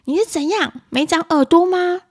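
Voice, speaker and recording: A woman voicing a short-tempered mother who scolds her kids in a sharp, shrill voice. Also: normal speed. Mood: angry, shrill.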